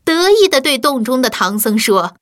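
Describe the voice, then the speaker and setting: Woman, storyteller, children's tale, lively, fairly high voice. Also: normal speed. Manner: lively, expressive narration. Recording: faint music behind.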